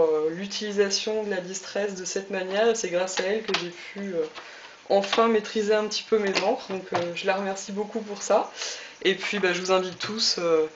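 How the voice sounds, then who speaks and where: A woman's voice: medium pitch, dull audio, a little hiss or hum. A woman hosting a casual craft tutorial, chatting through each step with lots of fillers. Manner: chatty, many fillers and little "hop" cues. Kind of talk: casual demonstration.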